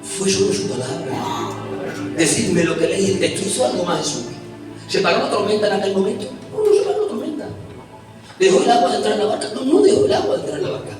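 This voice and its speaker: A man with an Extremaduran accent preaching an evangelical sermon, telling the story with animation and swinging between loud and hushed delivery. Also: sits high, sing-song, quick pace. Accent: Extremaduran Spanish. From Extremadura, Spain. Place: church hall. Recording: echoey hall from a distance with loud music.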